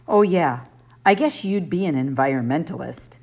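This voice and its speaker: A woman's voice: sits low, expressive, moderate pace, darkish tone, slightly rough, exaggerated voice. A woman voicing a wry teenage boy hero who asks blunt questions.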